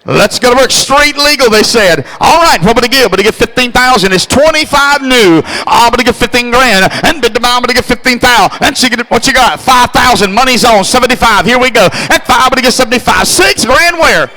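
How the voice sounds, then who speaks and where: A man working as an auctioneer, calling bids in a rapid, repetitive rolling chant. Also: very high voice, lively intonation, low-quality recording. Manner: repetitive, rolling patter with shouted numbers. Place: live classic car auction.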